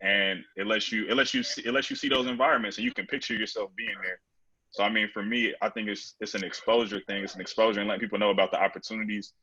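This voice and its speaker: A man in a casual panel discussion who talks in a relaxed way, full of fillers and "you know what I mean". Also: fairly low pitch, fast, slightly rough. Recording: dull lo-fi call audio.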